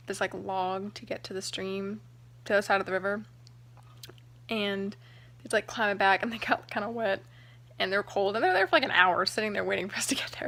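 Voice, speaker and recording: A young woman vlogger telling a personal story to camera in a chatty, excited way, full of "like" and "um". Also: mid-range voice. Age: young adult. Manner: chatty, excited, heavy use of "like" and "um".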